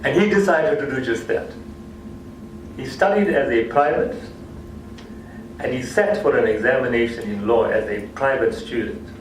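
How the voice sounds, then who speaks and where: In an echoey hall, a Gujarati-native man tells an anecdote during a storytelling lecture at a cultural talk, often pausing and repeating or restarting phrases. His voice is medium-pitched and his pace normal. The recording is noisy and was made with a distant mic.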